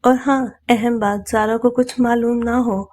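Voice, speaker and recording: A woman's voice: a little high, fairly even intonation, a little mellow, close to an everyday voice. A woman voicing a middle-aged mother in a storybook reading, giving soothing but firm advice.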